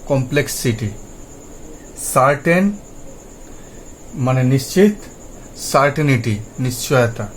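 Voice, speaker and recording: A man teaching English pronunciation and word meanings, patiently repeating words for practice in a slow drill. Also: fairly high pitch, slight background noise, rough recording. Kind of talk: Bengali-language lesson, spoken explanation.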